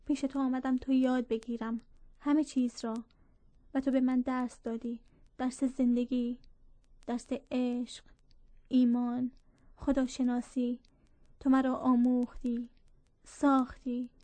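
A woman's voice: fairly high pitch, dark tone, no room sound. A young woman delivering a dramatic first-person monologue in a tender, confessional way. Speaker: narrator.

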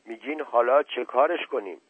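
A man's voice: mid-range voice, husky, no room sound, voice pushed up, lightly acted. Man as an exasperated irritable villager, raised voice, phone-like tinny sound. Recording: tinny phone-like dry recording.

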